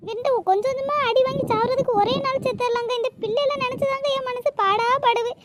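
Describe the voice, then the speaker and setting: A woman's voice: extremely high pitch, steady tone, quick pace. A woman voicing a grieving, tearful village mother in a cartoon, speaking in a lamenting way. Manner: lamenting, pleading. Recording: noisy cartoon voice track.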